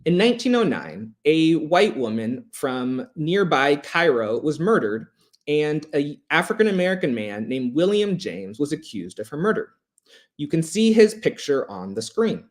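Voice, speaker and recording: Very animated, a man with a somewhat high voice presents a prepared history lecture in formal, measured phrasing, as an educational presenter would. His pitch swings widely to emphasize key words.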